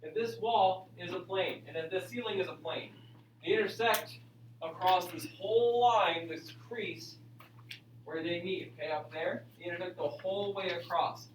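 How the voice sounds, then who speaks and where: A male school teacher with a fairly high voice, speaking to a class in a roomy, echoing space. He repeats short instructions and checks in often, prodding students along in the manner of an aerobics instructor. The mic sits at a distance. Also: normal speed. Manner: repetitive step-by-step explaining, frequent okay check-ins. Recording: echoey classroom, distant mic, faint hum.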